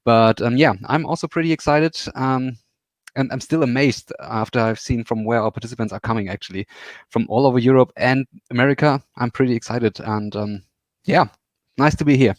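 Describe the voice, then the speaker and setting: A man introducing himself as a business consultant on a live online panel, relaxed and pleasant. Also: mid-range voice, a little fast, dry recording. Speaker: guest presenter, business consultant.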